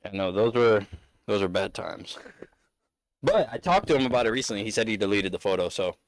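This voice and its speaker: A man's voice: fairly low pitch, expressive, a little fast, slight background noise. A man co-hosting a podcast in casual chat, laid-back and full of slang. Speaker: podcast co-host.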